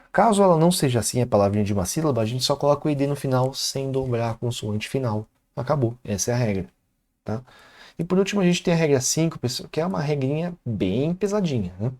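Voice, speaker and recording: A Brazilian man with a Brazilian Portuguese accent leads an exam-prep English lesson. His voice is relaxed and mellow, sitting at a middle pitch. He explains step by step and keeps asking his students whether they are following. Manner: explanatory, peppers sentences with "tá?" and "né?". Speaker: English teacher.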